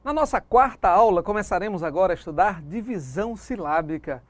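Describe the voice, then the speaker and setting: A man's voice: high voice, animated, fairly quick, no echo. A man with a Brazilian Portuguese accent teaching a recorded exam-prep lesson, drilling points with call-and-response questions and putting on the student who asks them. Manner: plays the student asking himself questions.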